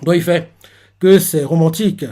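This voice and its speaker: A man's voice: a little high, steady tone, moderate pace, mellow. A man hosting a manga reaction channel, retelling scenes in a rambling, casual way. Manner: rambling, full of fillers and restarts.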